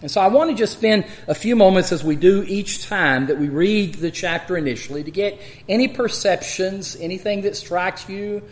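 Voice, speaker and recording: A man with a West Texas accent teaching the Bible in an expository style, measured and emphatic. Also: high-pitched.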